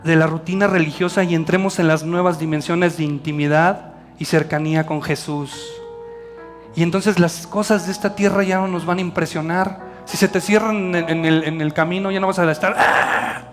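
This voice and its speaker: A middle-aged Mexican man preaches to a church youth group in a chatty, animated way, tossing in asides and questions to his listeners. His voice sits a little high for a man. Soft music plays faintly beneath him. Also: normal speed. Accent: Mexican Spanish. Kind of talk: sermon.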